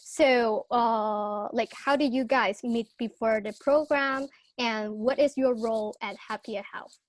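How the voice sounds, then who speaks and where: A young adult woman co-hosts a podcast interview, asking friendly, casual questions over a video call using a wired earphone mic. Her voice is on the high side, steady, and unhurried, with no room sound.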